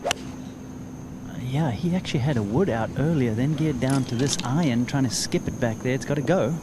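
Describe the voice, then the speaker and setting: Male, average register, live golf commentary, outdoor ambience clearly audible. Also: mid-range voice, normal speed, background noise.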